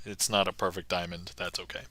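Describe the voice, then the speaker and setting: Man, livestream magician, chatty, laughs a lot, very bright tone, dry close sound. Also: deep voice, flat delivery, a little fast, no room sound, rough recording. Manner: chatty, laughs often, talks through card moves. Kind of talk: casual livestream magic patter.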